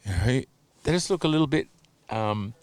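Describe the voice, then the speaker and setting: With a medium-pitched, expressive voice and no echo, a man comments analytically on a dressage test over video. His judgments stay measured, often hedged by "you know" or "a little bit."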